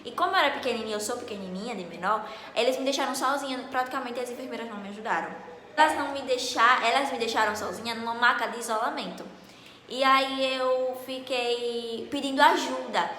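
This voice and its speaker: A young woman, her voice high and very bright. She tells her story in an animated, dramatic way. The room is echoey, with a long reverb tail behind her. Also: brisk, slight background noise. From Northeast Brazil. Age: late teens. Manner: animated, dramatic, acts out dialogue loudly. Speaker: vlogger. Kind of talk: casual storytelling to camera.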